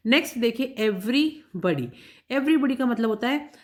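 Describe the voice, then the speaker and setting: A woman's voice: a little high, lively intonation, moderate pace. A woman teacher taking schoolchildren through a workbook lesson, patiently spelling words out letter by letter and checking they follow along. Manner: addresses children directly, checking understanding. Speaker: English teacher.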